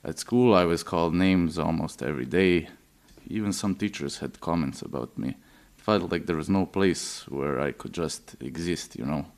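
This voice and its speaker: As an interviewee, a Serbian man in his twenties offers a personal testimony. His voice is low and his pace moderate, though he speaks hesitantly, with frequent fillers and restarts.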